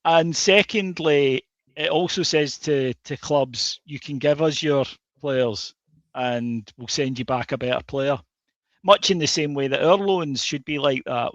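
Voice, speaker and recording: A Scottish man with a medium-pitched voice co-hosts a football podcast at a measured pace. His casual chat is hesitant, packed with fillers and restarts, and the recording is dull, dry, and lo-fi.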